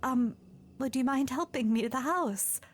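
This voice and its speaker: Woman acting a weary, high-voiced young princess Zelda. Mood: flustered, reassuring. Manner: halting, polite, formal phrasing. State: tired, breathy sighs. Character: exhausted young princess, polite, earnest and flustered. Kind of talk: fan audio drama acting.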